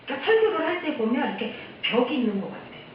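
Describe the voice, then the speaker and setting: A woman missionary from Korea talks through her experiences in a candid, chatty way during a church service. Her voice booms around a very reverberant sanctuary from a distant mic, with a muffled, lo-fi sound and a faint hum underneath. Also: very animated, rapid-fire. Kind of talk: testimony talk at a church service. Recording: echoey hall, distant dull mic.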